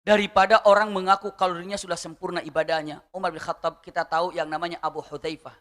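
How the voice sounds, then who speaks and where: A man preaching a sermon, telling a story with lively questions to the audience. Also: high voice, fast talker, big-room sound.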